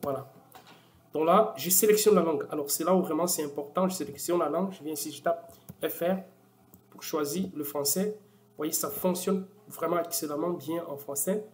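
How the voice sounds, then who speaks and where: A man walking viewers through a software tool in a casual screen-recorded tutorial, with many fillers and restarts. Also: fairly high pitch, normal speed, a little hiss or hum. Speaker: software demo presenter.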